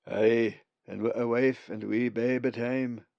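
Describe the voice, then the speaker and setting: A man voicing a warm old male raven with a Scottish accent and a broad, cheerful brogue. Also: mid-range voice, steady tone, measured pace, creaky, dry recording. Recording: dull dry lo-fi recording.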